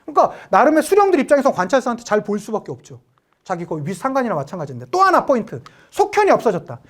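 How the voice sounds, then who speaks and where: A woman's voice: a little high, wildly swooping pitch, racing. A woman giving an exam-prep history lecture, firing off rhetorical questions and briefly acting out quotes.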